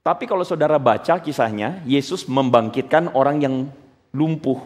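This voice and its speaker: A man preaching a sermon in an animated way, full of rhetorical questions and casual slang, in a church hall. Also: fairly high pitch, normal speed. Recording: long hall reverb.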